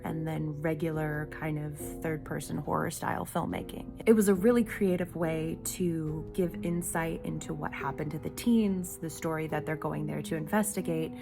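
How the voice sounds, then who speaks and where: A woman with a fairly low voice delivers a casual video review. She talks in a conversational, emphatic way, like she is recommending something to viewers. Music plays clearly behind her. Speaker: film reviewer.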